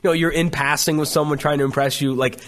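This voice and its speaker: A man co-hosting a casual sports podcast, animated and quick to curse when something strikes him as absurd. His voice sits fairly high for a man. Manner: animated, swearing, laughing at absurdity. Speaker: podcast co-host.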